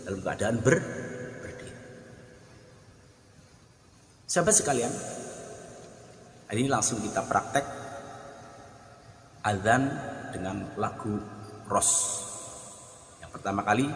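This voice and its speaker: A man teaching the call to prayer step by step, explaining plainly and then breaking into long, high sung calls. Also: lively intonation, a little slow, pauses often, a little hiss or hum. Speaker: adhan teacher. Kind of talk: spoken tutorial with sung demonstrations. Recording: echoey room with long reverb, faint music.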